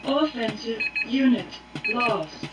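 A woman voicing a female computer voice in a war game, reading flat, clipped status alerts through a robotic radio filter. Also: a little high, takes it slowly. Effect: robotic radio-filtered game announcer. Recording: dull distant game audio under loud noise.

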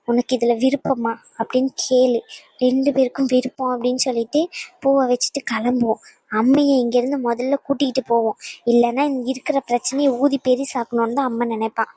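Brief: woman as a commanding young cartoon relative, high voice, dry. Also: mellow, slightly rough, no echo. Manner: firm, commanding.

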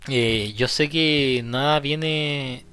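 A man's voice: medium pitch, extremely slow, pushed and bright, smooth, no echo. A young Chilean man streaming a horror game live, nervous and swearing, repeating lines when scared. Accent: Chilean Spanish. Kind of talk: live horror gameplay commentary.

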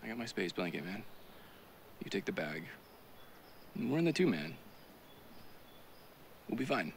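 A man's voice: low-pitched, sing-song, moderate pace, a little hiss or hum. An actor playing a level-headed young male hiker in a film, firm and reassuring, talking outdoors in the woods. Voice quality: firm, reassuring, scolds bluntly. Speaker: hiker keeping the group calm. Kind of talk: film acting.

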